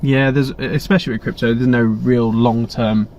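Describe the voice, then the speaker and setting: This livestream host, an Englishman, rambles through a casual live Q&A, picking up viewer chat, restarting often and throwing in blunt remarks. He speaks at a normal speed in a steady, mid-range, somewhat dark voice. Picked up by a webcam mic, the stream sounds a bit muffled, with faint hiss or hum.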